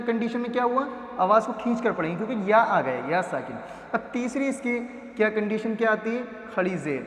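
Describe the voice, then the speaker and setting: A man with a high-pitched voice leads a patient reading lesson, drawing out each letter sound as he demonstrates it. He stops often to check that his students follow. His voice rings through a roomy space with a long echo. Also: fairly bright tone. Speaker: teacher. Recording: echoey room with long reverb.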